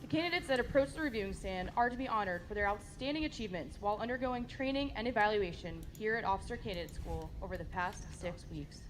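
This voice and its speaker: An American woman delivers formal scripted announcements at a ceremony, speaking at a brisk clip. Her phrasing is official and orderly. The recording is noisy, with clear ambient sound behind her. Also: mid-range voice.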